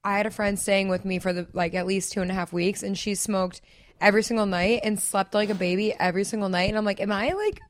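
A woman co-hosting a podcast, joking in relaxed casual chat. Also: medium pitch, fast talker, no room sound. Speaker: podcast co-host.

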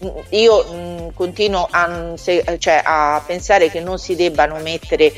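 A woman calling in over a phone line as a football pundit, speaking in a measured, analytical way. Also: on the low side, steady tone, faint music behind. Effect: heard over a phone or internet call. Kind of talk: call-in sports talk.

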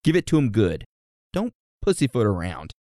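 A man's voice: on the low side, very animated, moderate pace, warm tone, no echo, studio quality. A man co-hosting a podcast, reading listener birthday messages in a casual, teasing, easily amused way. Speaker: podcast co-host.

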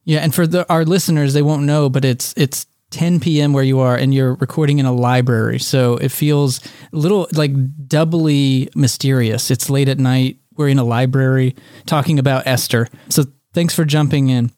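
A man's voice: mid-range voice, fairly even intonation, normal speed, warm tone, dry recording, studio quality. A man hosting a podcast, interviewing in a casual, conversational way. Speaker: podcast host.

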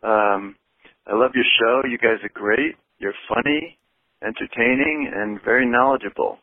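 A man calling in to a sports talk show, leaving a voicemail with a question and pausing between phrases. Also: mid-range voice, no room sound. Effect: recorded phone voicemail. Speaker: caller. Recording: tinny phone voicemail.

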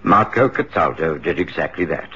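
Dr. Watson as narrator of a radio drama, with a deep, slightly husky voice that rises and falls. The recording sounds muffled. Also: male voice, lively intonation, normal speed, fairly bright tone, full character voice. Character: loyal doctor companion narrating.

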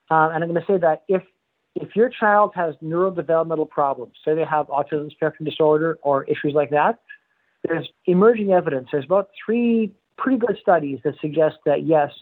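A man, a professor of pediatrics, explaining in a measured way over the phone and often correcting himself mid-sentence. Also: a little high. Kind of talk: phone interview. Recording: tinny phone line.

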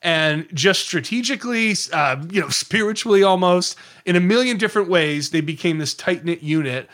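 A man chats on a podcast in a somewhat raised voice, rambling eagerly from one anecdote to the next. He often jumps into quick impressions of the people in his story. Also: sits high. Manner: lively, digressive storyteller who slips into quoted voices. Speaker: podcast guest.

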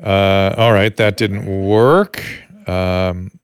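An older man hosting a casual live audio chat, relaxed and halting, with many fillers. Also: deep voice, clean tone, no room sound, clean studio sound. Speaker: host.

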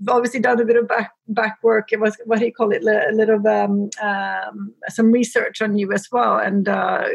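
A woman's voice: mid-range voice, level tone, moderate pace, creaky, breathy edge, no echo. A woman hosting a podcast interview over a call, talking casually with many fillers and restarts. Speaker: podcast host. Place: in Edinburgh. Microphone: remote call.

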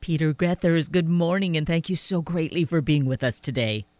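Low-voiced enthusiastic female radio host. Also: moderate pace, a little mellow, no room sound. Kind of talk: radio interview with an author.

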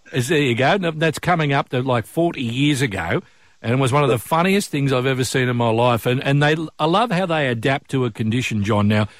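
A man's voice: medium pitch, normal speed, no echo. An older man with an Australian accent, presenting and chatting as a breakfast radio host. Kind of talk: commercial radio presenting and chat.

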